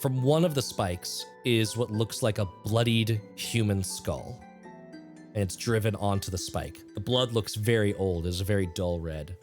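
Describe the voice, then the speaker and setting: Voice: deep voice, darkish tone. Playful game master with music behind. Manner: playful, alternating banter and deliberate scene description. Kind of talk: narrating a live tabletop fantasy game. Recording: background music under the voice.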